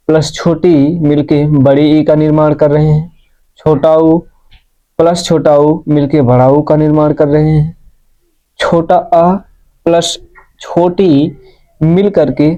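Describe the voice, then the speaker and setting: Slow, deep-toned male grammar teacher. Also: warm tone. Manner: slow, deliberate, repeats points for students. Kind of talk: classroom lesson. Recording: dull lo-fi sound.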